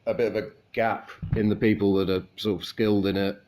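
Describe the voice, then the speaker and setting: A man with a naturally deep, low voice hosts an interview over a call. He asks his questions politely and rephrases them to make them clear. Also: level tone, brisk, a little mellow.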